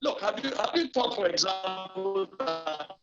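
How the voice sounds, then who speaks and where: A man's voice: sits high, expressive, measured pace, lo-fi sound, music in the background. A man, a former diplomat, speaking as a guest on a news program over a distorted, fuzzy remote audio line, often hesitant with fillers and restarts.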